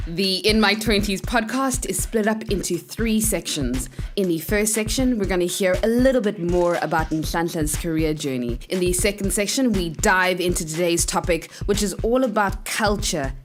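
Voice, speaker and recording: A woman hosting a podcast, upbeat and enthusiastic, introducing a guest and asking about his journey. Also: fairly low pitch. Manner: enthusiastic, playful, with sung asides. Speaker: podcast host.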